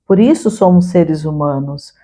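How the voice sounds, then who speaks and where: A woman with a Brazilian Portuguese accent speaks in a calm, reflective way, taking time over her explanations. Her voice is mid-pitched and has a dark, mellow tone. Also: measured pace. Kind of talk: casual conversation.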